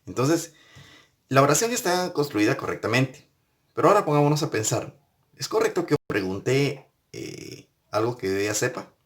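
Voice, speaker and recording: A man's voice: mid-range voice, very animated, moderate pace. A man teaching an English grammar lesson, patiently repeating and spelling out each step. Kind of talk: recorded classroom lesson.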